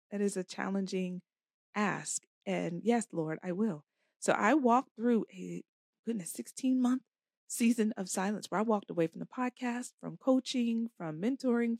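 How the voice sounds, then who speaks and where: A woman's voice: medium pitch, darkish tone, no echo, studio quality. A woman guest on a podcast, earnestly telling a personal faith story and acting out her inner conversations. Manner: earnest testimony with acted-out inner dialogue. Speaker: podcast guest, life coach. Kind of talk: faith-based interview storytelling.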